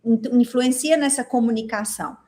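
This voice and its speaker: A woman with a Brazilian Portuguese accent teaching an online class, expressive and asking her audience lots of questions while reading their chat replies. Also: a little high, moderate pace. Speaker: instructor.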